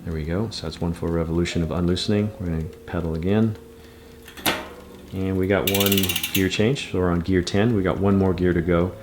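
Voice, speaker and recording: A man's voice: low-pitched, steady tone, brisk, background noise. A man giving a patient, methodical bike repair tutorial, talking through each step as he works. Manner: patient, methodical, repeats steps.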